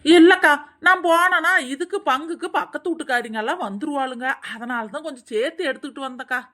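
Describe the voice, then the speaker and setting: A woman voicing a greedy, chatty village woman in an animated comedy, speaking in a boastful, wheedling manner. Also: high-pitched, fast talker. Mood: scheming.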